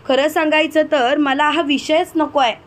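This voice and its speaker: A woman's voice: sits high, steady tone, normal speed, close to an everyday voice. A woman voicing a domineering, harsh older woman who scolds and gives orders. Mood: furious.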